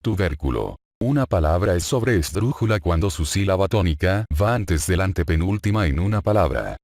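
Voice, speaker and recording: A man narrating a scripted spelling lesson, reading rules and examples in an even, list-like way. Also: low-pitched, normal speed, no echo.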